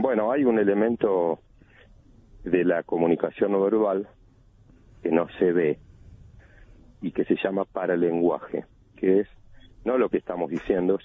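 Over a tinny phone line, a body language analyst with a low-pitched, breathy-edged voice explains things in a teaching manner. He chants examples to demonstrate intonation.

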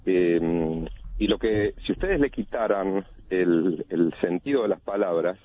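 A man's voice: low voice, measured pace. A man, an analyst of body language, explaining over the phone in a teaching way and chanting examples of intonation. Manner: didactic, demonstrates intonation by chanting. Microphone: phone call. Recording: tinny phone line.

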